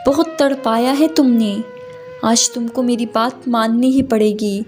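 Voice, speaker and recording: A woman's voice: fairly high pitch, fairly even intonation, darkish tone, faint music behind, close to an everyday voice. A woman voicing a menacing, bullying young husband in a read-aloud story. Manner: threatening, bullying.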